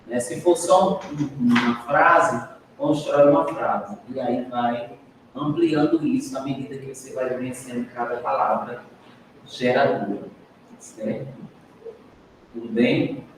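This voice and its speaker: A man's voice: medium pitch, very animated, unhurried. A Brazilian man teaches a group, asking questions and tagging his sentences. He sounds far from the mic in a roomy hall with a long echo and a faint hiss behind him. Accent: Brazilian Portuguese. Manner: adds "né?" often, prompts the group to answer. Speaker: teacher leading a training session. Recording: echoey classroom, recorded from a distance.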